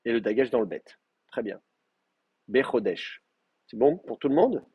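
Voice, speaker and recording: Man, teacher, husky voice, patient explaining, lots of hesitations, live class. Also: medium pitch, lively intonation, normal speed, muffled recording. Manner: explains patiently, many fillers, checks with students.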